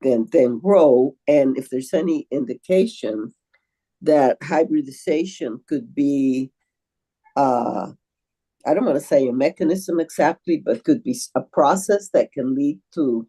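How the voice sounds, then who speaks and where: An older woman speaks slowly over a video call. Her voice is dark and mellow, and she halts often, restarting her phrases and filling gaps with "um" and "uh". She sounds like an audience member posing a careful question at a seminar. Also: extremely low pitch, breathy edge, poor audio. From Venezuela. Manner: halting, with many fillers and restarts.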